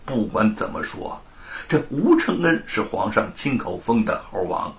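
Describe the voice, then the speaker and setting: A man telling a story in a dramatic, expressive way. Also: fairly low pitch, a little slow. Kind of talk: storytelling narration.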